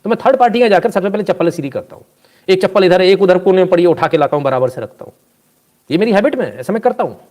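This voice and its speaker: A man giving casual live commentary, reading out viewer comments and telling anecdotes in an animated, scolding manner. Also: high voice, racing.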